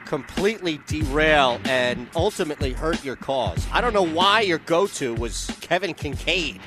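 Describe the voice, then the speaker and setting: A man's voice: fairly high pitch, lively intonation, moderate pace, music in the background. A man hosting sports radio with casual banter.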